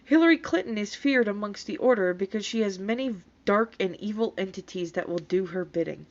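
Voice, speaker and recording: A woman's voice: mid-range voice, lively intonation, brisk. A woman reading comments aloud in disbelief and adding casual, sarcastic, scoffing commentary with plenty of swearing. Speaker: YouTube commentator reacting to comments. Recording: dull, lo-fi sound.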